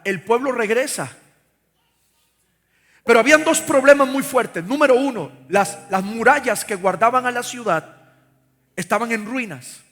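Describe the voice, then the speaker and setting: Pastor guy preaching hard, high forceful voice, big reverby church hall. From Costa Rica. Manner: fervent preaching, urging the congregation to repeat after him. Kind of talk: live sermon. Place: large church sanctuary. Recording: reverberant hall with faint music.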